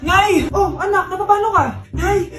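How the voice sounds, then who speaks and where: A woman acting out every part in short comedy skits, loud and animated as she switches between a mother and her child. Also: very high-pitched, normal speed, noisy background. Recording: roomy sound with music underneath.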